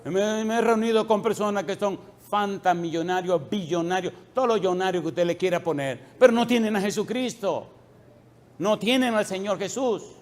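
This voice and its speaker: Middle-aged pastor guy preaching, kinda high voice, gets real soft and low at the end of lines. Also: moderate pace. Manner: emphatic preaching with repeated questions to the congregation. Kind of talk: sermon.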